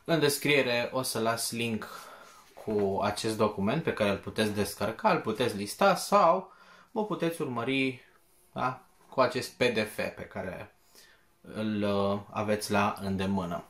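A man walking students through an exam practice test step by step, often checking in with a quick question. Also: lowish voice, fairly bright tone. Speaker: teacher. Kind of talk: exam-prep lesson walkthrough. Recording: echoey room.

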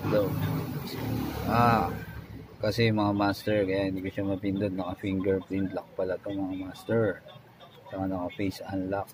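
A man's voice: low-pitched, level tone, moderate pace, long pauses, noisy background. A man with a Filipino accent walking viewers through a phone screen repair in a casual way, slightly slurred, keeps checking in with his listeners. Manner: keeps saying "mga master" and "no?", slightly slurred. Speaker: phone repair tutorial host.

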